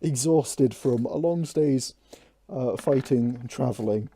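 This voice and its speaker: A man narrating as game master in a relaxed, chuckling way. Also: medium pitch, takes it slowly, breathy edge.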